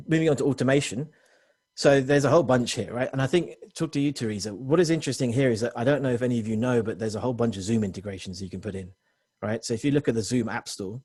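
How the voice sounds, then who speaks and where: A man working as a technology consultant, giving a quick webinar presentation to business owners with frequent restarts and self-corrections. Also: on the low side, a little mellow, breathy edge, dry recording, clean studio sound.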